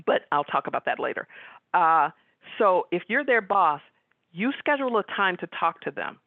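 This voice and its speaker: A woman giving a webinar talk as guest speaker, chatting with the audience and pausing on fillers. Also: fairly low pitch, big pitch swings, vocal fry, no echo. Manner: conversational, frequent fillers. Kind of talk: webinar presentation with audience questions. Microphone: video call. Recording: tinny phone-like line.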